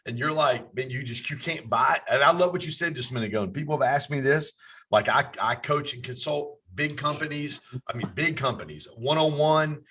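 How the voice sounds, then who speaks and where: A man's voice: mid-range voice, a little fast, pushed and bright, far from the mic, slight background noise. A man hosting a podcast, asking open questions and affirming his guest in conversational interview style. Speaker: podcast host.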